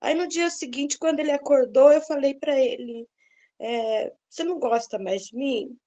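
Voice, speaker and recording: A woman's voice: high-pitched, normal speed, warm tone, dull audio. A middle-aged woman, earnestly recounting a personal story and acting out the dialogue. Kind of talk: personal testimony, casual storytelling.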